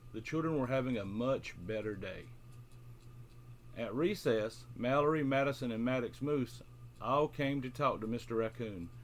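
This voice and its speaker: Hosting a children's bedtime story show, a man with a mid-range voice speaks straight to young listeners. He opens with a friendly introduction before reading a story aloud, and there's a little hiss or hum in the recording.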